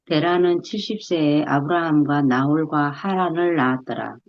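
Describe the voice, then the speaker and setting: A woman with a low-pitched voice reads scripture aloud in turns. She reads steadily and deliberately. The recording sounds slightly dull and muffled. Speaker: scripture reader.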